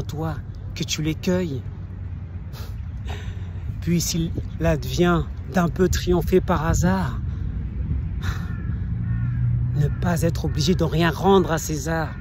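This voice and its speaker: A male actor playing a proud, scornful poet-swordsman, declaiming a theatrical verse monologue in a hammy stage manner. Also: fairly high pitch. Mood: wistful, proud. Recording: noticeable background noise.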